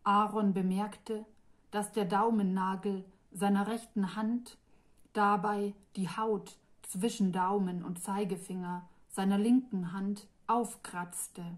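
Slow, calm woman reading her novel. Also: medium pitch. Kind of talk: audiobook narration.

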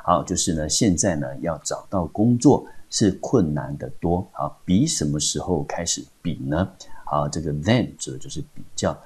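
A man's voice: extremely low pitch, expressive, normal speed, darkish tone, husky. A man from Taiwan, an English teacher, giving a patient step-by-step vocabulary lesson and asking himself questions as he explains.

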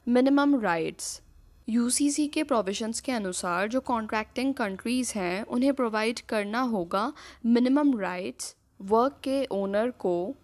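Law lecturer, woman with an Indian accent, higher voice, steady explaining tone, slide narration. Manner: steady explanatory delivery, reads English headings slowly.

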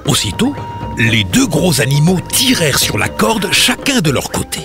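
A man narrating a children's fable, expressive and dramatic. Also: on the high side, normal speed, music in the background. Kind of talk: scripted storybook narration.

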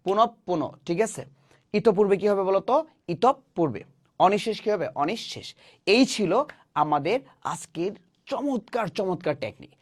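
Male tutor, high voice, repetitive question-and-answer drilling style. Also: animated, moderate pace. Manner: drills with call-and-response questions, answering them himself. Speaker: grammar teacher. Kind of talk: classroom-style grammar lesson.

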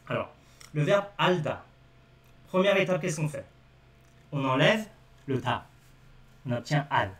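A man's voice: fairly high pitch, far from the mic. A man teaching a live-streamed lesson, explaining step by step and repeating key points straight to his viewers. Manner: repetitive step-by-step explaining, addresses viewers directly. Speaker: language teacher. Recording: echoey room, speaking away from the mic.

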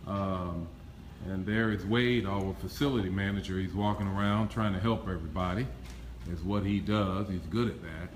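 Filming on a phone as he walks, a middle-aged man gives an upbeat, casual tour of a church construction site, indoors and out, peppering his talk with fillers. His voice is low-pitched, with fairly even intonation at a moderate pace, and there's slight background noise.

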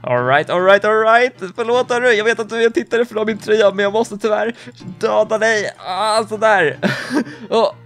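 A young-sounding man with a fairly high voice narrates his game live, reacting quickly and eagerly to each moment. Soft music plays faintly beneath his commentary. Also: creaky. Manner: excitable, quick reactions, gasps and laughs. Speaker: gaming YouTuber. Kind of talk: excited gameplay commentary.

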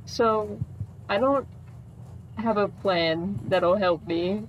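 A woman streaming a video game, chatting casually, laughing often and yelling at enemies. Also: mid-range voice, very slow, muffled recording, a little hiss or hum. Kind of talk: casual gameplay chat.

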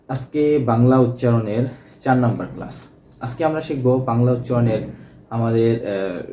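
A man's voice: medium pitch, mellow, roomy sound. A man teaching a grammar lesson, explaining step by step and checking that students follow. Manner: explanatory, repeats key points and checks with "ঠিক আছে?".

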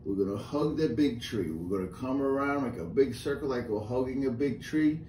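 A middle-aged man teaches a guided chair exercise class at medium pitch and normal speed, giving calm sequential cues and breathing counts. He's recorded by a camera a few feet away in a small indoor room with a painted wall, and the sound has echo plus faint room noise.

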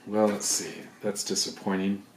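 A man's voice: lowish voice, fairly even intonation, moderate pace. A man thinking aloud with wry asides while unboxing items on camera. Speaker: video creator unboxing items. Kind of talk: casual unboxing commentary. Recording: roomy echo, faint background noise.

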